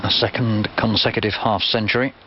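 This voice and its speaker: A man's voice: on the low side, fairly even intonation, a little fast. Male snooker commentator, muffled noisy broadcast.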